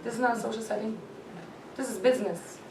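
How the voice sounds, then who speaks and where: A woman's voice: fairly high pitch, steady tone, quick pace, creaky. A woman coaching a small group on etiquette and presence, talking emphatically and laughing often. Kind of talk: workshop talk to a small group. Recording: roomy and distant with background noise.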